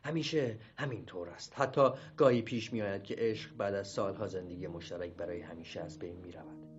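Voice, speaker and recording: A man narrating an audiobook voicing a sad, cryptic middle-aged wife, quiet and sorrowful. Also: low voice, natural voice. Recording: dull lo-fi recording with music beneath.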